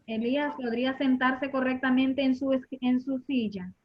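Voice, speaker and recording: A woman's voice: sits high, steady tone, moderate pace. A woman teaching an English grammar lesson, patiently explaining and repeating questions to her students. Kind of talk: classroom lesson. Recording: muffled lo-fi recording.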